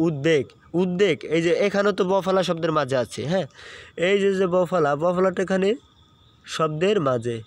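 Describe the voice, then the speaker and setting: A young man teaching a pronunciation lesson, explaining step by step, repeating points and asking his students questions. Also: high-pitched.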